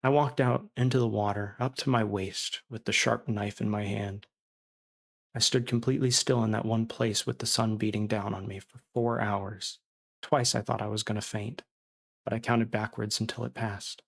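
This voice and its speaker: A man reading as a starving, bitter disgraced surgeon who confesses in a castaway's diary, callous and self-justifying, with a creaky voice. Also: fairly low pitch, steady tone, normal speed. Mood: hungry, weary.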